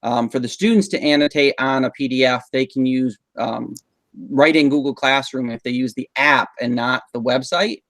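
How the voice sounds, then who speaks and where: A man's voice: medium pitch, steady tone, normal speed, a bit bright, no room sound. A man running a live online training session for teachers, patiently explaining tools with frequent um fillers. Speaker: instructional technology trainer. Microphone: video call mic.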